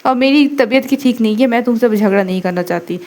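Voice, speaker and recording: A woman's voice: on the high side, fast, a little mellow, lightly acted. A woman voicing a stern, sarcastic female professor who is feverish and irritable, scolding with pointed questions.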